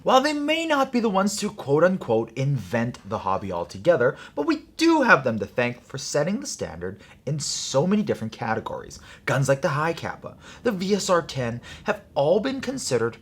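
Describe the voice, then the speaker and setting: A man's voice: a little high, wildly swooping pitch, normal speed, few pauses, slightly rough. A man presenting an airsoft product review in a chatty, jokey way, talking straight to his viewers.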